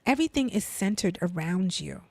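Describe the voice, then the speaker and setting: A woman with a Brooklyn accent giving a casual inspirational talk, asking rhetorical questions and checking in with "right?" and "you know", sometimes dropping to a soft near-whisper. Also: on the low side, very animated, a little fast, vocal fry, no room sound. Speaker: faith and lifestyle speaker.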